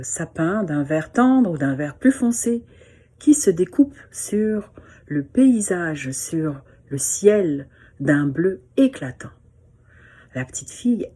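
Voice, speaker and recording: A woman telling a short story with a moral in a gentle voice, speaking directly to the listener. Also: deep voice, breathy edge. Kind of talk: spoken storytelling to camera.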